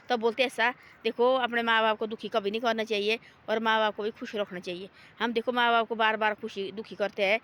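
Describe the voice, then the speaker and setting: Casting note: woman, slightly high voice, homely rambling talk outdoors in a forest, gently moralizing.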